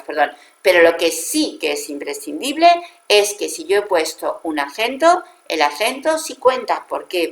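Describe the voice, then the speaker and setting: A woman's voice: fairly low pitch, reverberant. A woman with a Spanish accent from Spain, patiently explaining a spreadsheet tutorial step by step and correcting herself as she goes. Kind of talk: screen-recorded software tutorial.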